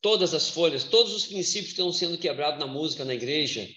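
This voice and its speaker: A man giving a church lecture on music, reading scripture and explaining in a measured way with hesitant fillers. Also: a little high, lively intonation, sharp tone, echoey room.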